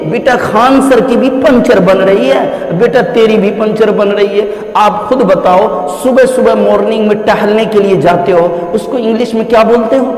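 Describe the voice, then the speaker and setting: A man's voice: high voice, normal speed, few pauses, darkish tone. A male Islamic cleric giving a scolding, sarcastic rebuttal, lecturing the listener like a daughter. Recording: echoey hall reverb.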